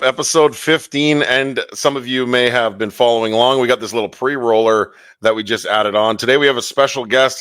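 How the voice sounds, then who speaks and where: A man's voice: medium pitch, a bit bright, clean tone, no room sound. A middle-aged man hosting a casual interview podcast, enthusiastic and swearing freely. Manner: enthusiastic, profane. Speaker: podcast host.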